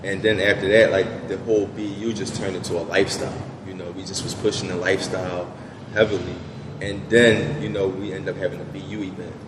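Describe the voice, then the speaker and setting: A young man talks through his story in a relaxed, filler-heavy way. His voice sits low and stays flat in pitch. The recording is roomy with a long echo and steady hum behind him. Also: fairly quick. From Southwest Philadelphia. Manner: laid-back, many fillers like "you know". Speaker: business owner guest. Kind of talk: casual interview answers. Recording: echoey room with background noise.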